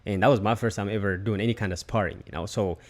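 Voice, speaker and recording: A man's voice: lowish voice, fairly even intonation, fast talker. A man hosting a podcast, asking questions in a hesitant, filler-heavy way. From outside the United States. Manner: hesitant, many fillers and restarts. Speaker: podcast host. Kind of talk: casual interview.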